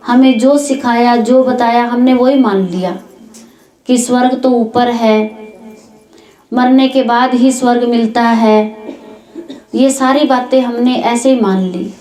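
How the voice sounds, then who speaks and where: A woman's voice: fairly high pitch, dark tone. A woman giving a spiritual discourse at a village gathering, explaining her points with spoken examples. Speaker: spiritual speaker. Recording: echoey room.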